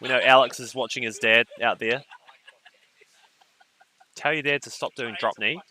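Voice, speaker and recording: Relaxed guy doing live surf commentary, bright punchy voice, jokes around. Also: mid-range voice, moderate pace, rough recording. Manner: laid-back, joking banter with laughs.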